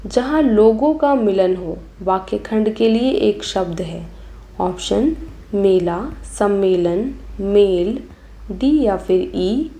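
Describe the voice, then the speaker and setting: Woman teacher, measured exam walkthrough, warm low timbre. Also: vocal fry. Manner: reads each option then gives the answer.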